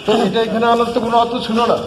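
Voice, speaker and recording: A man's voice: very high-pitched, level tone, very fast, noisy background. A man speaking spontaneously to reporters in an agitated, insistent way, repeating himself. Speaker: interviewee.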